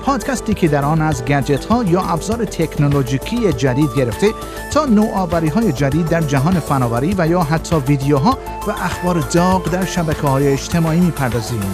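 A man's voice: on the high side, lively intonation. A man reading a scripted podcast introduction as its announcer. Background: loud music.

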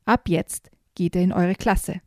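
A woman's voice: lowish voice, steady tone, measured pace, no echo, studio quality, lightly acted. A woman voicing a pig headmaster formally introducing a new pupil to a class.

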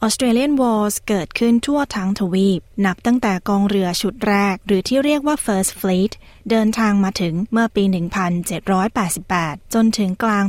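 A woman's voice: mid-range voice, no room sound. A woman narrating a scripted news feature as a radio presenter, formal and carefully enunciated.

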